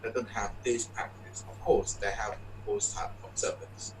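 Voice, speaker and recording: A man's voice: fairly low pitch, normal speed, background noise. A male Buddhist monk from Thailand, asking questions and recalling customs from memory in an easygoing discussion. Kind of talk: casual Dhamma discussion. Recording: distant off-mic voice.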